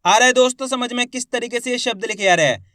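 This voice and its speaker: High-voiced man teaching Hindi reading. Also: sharp tone, no room sound, studio quality. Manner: slow syllable-by-syllable sounding out, repeats each word; encouraging, asks the learner questions. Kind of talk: spoken reading lesson for beginners.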